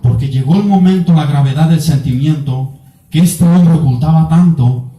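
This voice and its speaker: A man's voice: a little high, moderate pace, warm tone. A man from Mexico, an evangelist giving an earnest, emotional testimony sermon with much repetition. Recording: echoey room, voice from far off.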